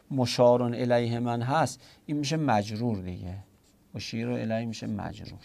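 A man's voice: mid-range voice, darkish tone. A man teaching a grammar class, explaining step by step, asking himself questions and answering them, and speaking directly to his students.

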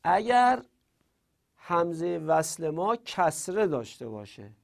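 A middle-aged man with a gravelly, slightly high voice teaches a grammar lesson. He talks in an animated, emphatic way and runs through word forms one after another, like he is drilling a class.

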